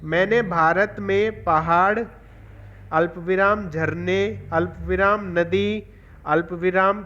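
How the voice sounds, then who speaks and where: A man teaching a classroom grammar lesson, explaining slowly and repeating his examples. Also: sits high, fairly bright tone. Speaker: assistant professor and teacher. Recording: dull lo-fi recording.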